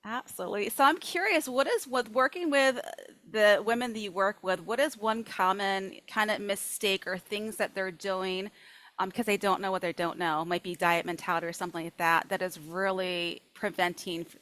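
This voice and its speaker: A middle-aged woman hosting an interview in a casual way, chatty and upbeat and quick to laugh. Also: medium pitch, a bit bright, rough recording. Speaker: host and dietless dieting coach.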